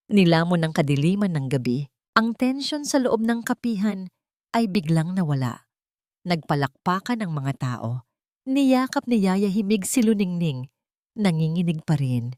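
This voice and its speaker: A woman with a Filipino accent narrates a scripted dramatic story in a fairly low voice with a darkish tone. The recording is clean studio sound with no room sound.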